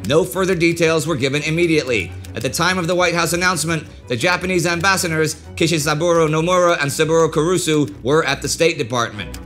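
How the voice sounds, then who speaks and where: A man in his thirties hosts a history documentary from a studio desk. He tells the story in a measured way with occasional direct asides, his voice sitting somewhat high. Soft music plays underneath. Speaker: host. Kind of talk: scripted documentary narration. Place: indoor studio set with a desk.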